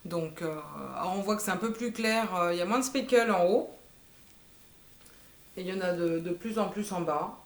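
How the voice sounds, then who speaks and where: A woman's voice: on the low side, normal speed. A woman in her thirties chatting casually about her knitting projects, hesitant and full of fillers. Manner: hesitant, lots of "euh" fillers. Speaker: knitting vlogger. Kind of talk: casual show-and-tell chat. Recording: echoey room.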